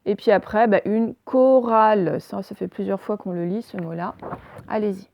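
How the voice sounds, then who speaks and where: A woman teacher giving a recorded spelling lesson, dictating words slowly and spelling them letter by letter. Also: medium pitch, steady tone, gravelly, mellow, slight background noise. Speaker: primary school teacher.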